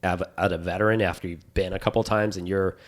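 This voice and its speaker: A man's voice: sits low, fast talker. A man co-hosting a podcast, talking in an enthusiastic, rambling way. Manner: enthusiastic, rambling, animated storytelling. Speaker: podcast co-host. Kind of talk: casual chat.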